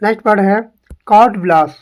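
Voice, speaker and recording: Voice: mid-range voice, brisk. An English teacher giving an exam-prep lesson, drilling each word by repeating it and asking rhetorical questions.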